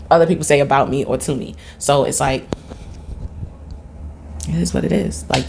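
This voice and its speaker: A woman's voice: deep voice, a little mellow. A woman vlogger talking off the top of her head in a candid, rambling, slangy and blunt casual monologue.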